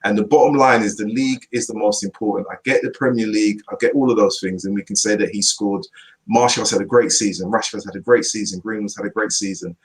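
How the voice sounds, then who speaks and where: A man giving forceful, opinionated football punditry in a casual chat, repeating his points slowly for emphasis. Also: fairly low pitch, steady tone, low-quality recording. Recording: online video chat, voice only.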